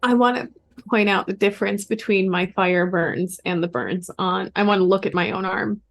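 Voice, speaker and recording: A woman's voice: mid-range voice, steady tone, moderate pace, vocal fry. A woman playing a tabletop role-playing game, speaking casually in character.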